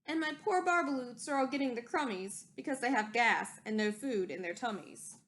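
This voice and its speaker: A woman's voice: a little high, expressive, normal speed, a bit bright. A woman voicing an indignant old forest creature from a storybook, scolding emphatically in rhyme. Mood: indignant, sorrowful.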